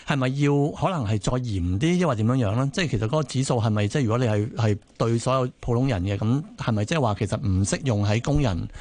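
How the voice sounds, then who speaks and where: Male radio co-host, Hong Kong Cantonese accent, fast-paced, informal interviewer who restates points as questions. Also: medium pitch, darkish tone, no echo. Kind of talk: conversational interview questioning, rephrasing for clarity.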